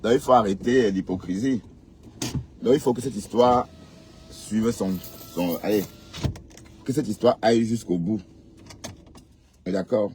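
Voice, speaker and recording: A man's voice: on the low side, measured pace, long pauses, a little mellow, a little hiss or hum. A man hosting a casual live stream, reading comments and scolding viewers with rhetorical questions.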